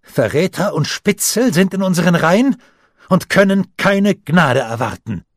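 A man's voice: high voice, expressive, a little slow, no room sound, clean studio sound, pitched above the performer's own voice, exaggerated voice. A man doing a fervent defiant teenage boy. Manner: agitated, fervent, trembling. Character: defiant teenage boy, zealous young militant.

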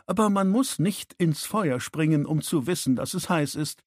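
A man voicing a sharp-tongued, hostile adult woman in an audiobook, curt and scornful, hissing her words. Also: on the high side, expressive, moderate pace, no echo, voice pushed up.

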